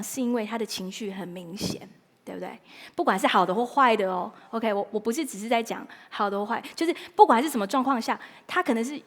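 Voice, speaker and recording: A woman pastor preaching a sermon in a lively, playful way, acting out little inner dialogues. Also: a little high, big-room sound.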